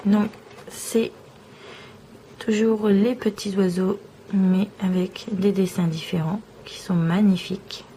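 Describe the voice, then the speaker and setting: A woman vlogger showing off small trinkets one by one in a slow, admiring show-and-tell. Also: mid-range voice, warm tone, slight background noise, low-quality recording.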